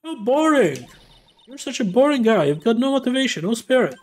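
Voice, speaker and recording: A man's voice: extremely high pitch, big pitch swings, fairly quick, pitched above the performer's own voice, heavily acted. A man voicing a perky, playful teenage girl medium in a bubbly, whiny voice.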